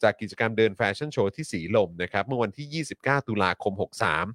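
Man, talk show host, rapid delivery, dry close sound. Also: on the low side, animated, fairly bright tone, dry recording. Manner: fast, polite, reads news items with many particles. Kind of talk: live news talk show.

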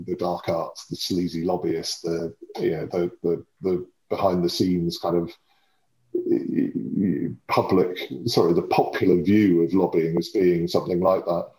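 Low voiced home counties english guy in his 50s chatting in an interview, bit echoey. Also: dark tone. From Surrey, England. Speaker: interview guest, lobbying and communications professional. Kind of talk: conversational interview commentary. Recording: echoey room sound.

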